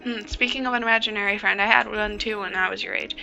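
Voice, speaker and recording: Lady doing a gentle mom, soft and sorry, bright voice with a bit of fry. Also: medium pitch, fairly even intonation, quick pace, soft background music, poor audio. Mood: tender. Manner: soft and apologetic. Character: gentle apologetic mother of a teenage boy.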